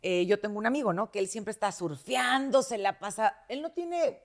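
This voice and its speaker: A woman's voice: medium pitch, normal speed. A woman with a Mexican accent chatting casually, sharing a personal anecdote with sincerity. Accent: Mexican Spanish. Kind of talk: casual chat.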